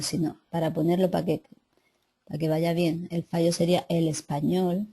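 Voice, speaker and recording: In a classroom or online class, a woman teacher reads her lesson notes aloud and drops casual asides to her students. Her voice is lowish and dark, with a slight roughness.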